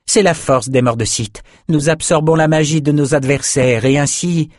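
A man's voice: a little high, normal speed, no echo, studio quality, pitched above the performer's own voice, close to an everyday voice. A man voicing a fierce, insistent female warrior guard in an audiobook reading. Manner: eager, insistent.

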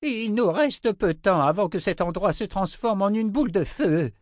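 A man voicing a cranky, fussy old male wizard who shouts and frets in an audiobook. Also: animated, moderate pace, no room sound, studio quality. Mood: urgent. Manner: shouting, high-pitched, exasperated.

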